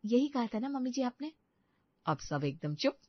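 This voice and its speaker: A woman's voice: on the high side, sing-song, moderate pace, no room sound. A woman voicing a mischievous young bride who teases in a sing-song way, in a dull, dry recording. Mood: teasing.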